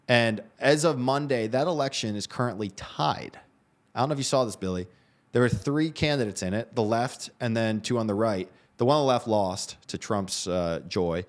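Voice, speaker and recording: A man co-hosting a news show, discussing the headlines in a conversational, hedging way and often restarting his phrases. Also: mid-range voice.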